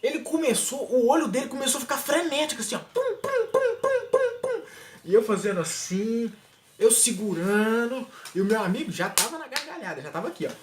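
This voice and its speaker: A young man with a very high voice rapidly tells a funny personal anecdote, as a storytelling vlogger would. He is animated, laughing throughout and acting out the scenes, and the recording has a roomy echo and faint noise.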